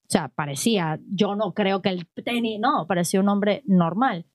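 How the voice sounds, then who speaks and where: A woman's voice: medium pitch, moderate pace, dry recording, clean studio sound. Chatty woman musing on faith. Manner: animated, rambling, frequent "o sea" and "¿ok?". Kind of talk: casual religious conversation.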